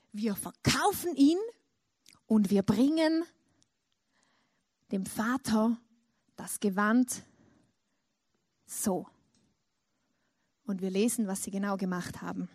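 A woman's voice: mid-range voice, a little mellow, no room sound, studio quality. A woman preaching a sermon and retelling a story, rising dramatically when she imagines a grieving father's cries.

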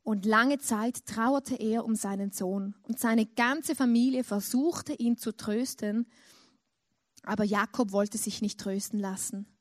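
A woman's voice: on the high side, unhurried, no echo, studio quality. A woman preaching a sermon and retelling a story, rising dramatically when she imagines a grieving father's cries.

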